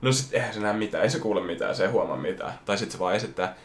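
A young man casually telling a story in an animated way, acting out quotes and swearing a lot. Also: fairly low pitch. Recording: echoey room.

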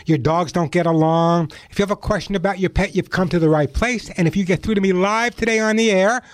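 Man, radio call-in host, slightly high pitch, chatty, direct, dry close studio sound. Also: brisk, no room sound. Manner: chatty, direct address to listeners. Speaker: radio pet advice show host. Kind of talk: live call-in radio hosting. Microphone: close studio microphone.

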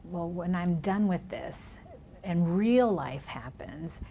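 Hosting a reflective talk about education, a native Spanish speaker from California who was raised in Minnesota speaks slowly in a low, creaky, mellow voice that stays expressive. She restarts often and leans on "you know," with a faint hiss or hum in the audio.

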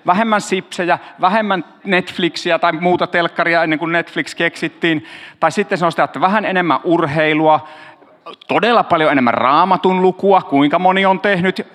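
A man's voice: high voice, fairly bright tone, in a large hall. A man preaching in a casual, joking way, talking straight to his congregation as their pastor. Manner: joking, chatty, talks to the audience directly.

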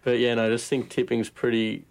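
A man's voice: medium pitch, monotone, a little fast, slight background noise. A young man with an Australian accent, a podcast guest, talking in a laid-back, joking way. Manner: laid-back, jokey, laughs often. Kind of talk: casual podcast interview. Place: studio.

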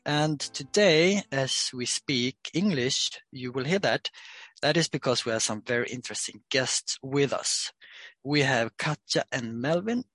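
A man hosting a podcast interview, introducing his guests in a measured, slightly halting way. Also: mid-range voice, animated, fairly bright tone, dry recording, soft background music. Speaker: podcast host.

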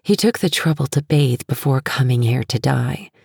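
Low, husky, creaky woman narrator. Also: moderate pace, dry recording. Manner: intimate and hushed. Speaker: audiobook narrator. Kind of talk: scripted narration. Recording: dry close studio sound.

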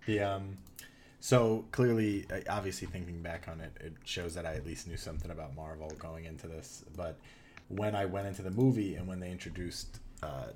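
A man co-hosting a podcast in casual chat, telling excited fan memories and swearing now and then. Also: low voice, normal speed, slight background noise. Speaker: podcast co-host.

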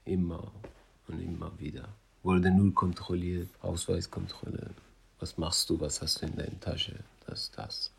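A young man from Afghanistan, raised in Iran, telling his own story in halting with short, broken phrases. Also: low voice, flat delivery, creaky, a little hiss or hum. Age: young adult. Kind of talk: personal testimony.

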